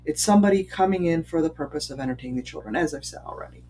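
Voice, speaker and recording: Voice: medium pitch, rapid-fire, warm tone. A speaker giving unscripted commentary, talking conversationally, asking many rhetorical questions and often saying um or restarting phrases. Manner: frequent ums and restarted phrases. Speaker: commentator on bias. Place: Chicago area.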